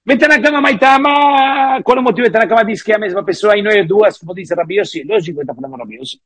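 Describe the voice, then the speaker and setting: Husky high-voiced man teaching Talmud. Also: very fast, no echo. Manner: reads Hebrew and Aramaic phrases, then explains them with repeated "¿cierto?". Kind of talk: Talmud class explaining a text line by line.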